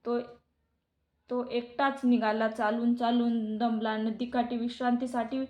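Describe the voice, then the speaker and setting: A woman narrating a devotional story in a steady, even recital. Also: a little high, unhurried. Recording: dull lo-fi recording.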